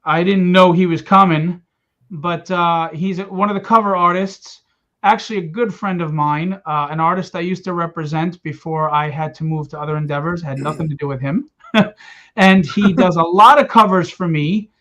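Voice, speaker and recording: A comic publisher plays host at his own livestream launch party, ribbing the guests and talking up the campaign. He speaks at a normal pace in a fairly high, slightly bright voice, heard through muffled lo-fi stream sound.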